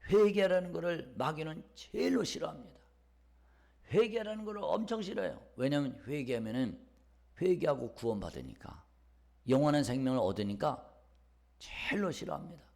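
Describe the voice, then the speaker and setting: A man preaching a sermon as pastor, who drops to near-whispers and then rises into loud, pleading lines, and acts out the voices he quotes. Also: fairly high pitch, sing-song, moderate pace. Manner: swings between hushed whispers and loud emphatic lines.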